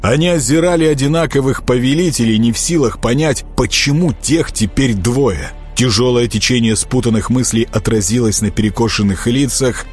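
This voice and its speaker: A man narrating an audiobook in an expressive, animated reading. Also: mid-range voice, moderate pace, hardly any pauses. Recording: narration with faint music behind.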